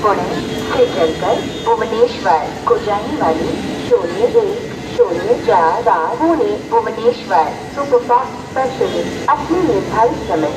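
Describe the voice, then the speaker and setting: A woman giving a recorded train announcement over a station loudspeaker, formal and slow, her pitch leaping between stitched-together words. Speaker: railway announcer. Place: outdoor railway platform. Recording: echoey loudspeaker from far off, loud platform noise. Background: trains and station bustle.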